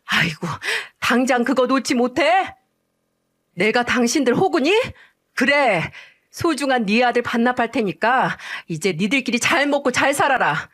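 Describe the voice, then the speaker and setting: A woman's voice: medium pitch, expressive, moderate pace, natural voice. A woman voicing a greedy older mother-in-law who nags and scolds in a raised, scornful voice. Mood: shrill scolding. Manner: nagging, scornful.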